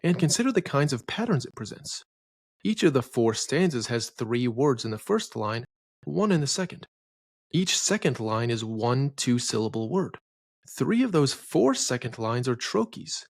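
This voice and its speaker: Male lecturer, mid pitch, dry close mic, reads verse slowly and stressed. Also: big pitch swings, creaky, no room sound. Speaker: poetry lecturer. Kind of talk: scripted educational narration.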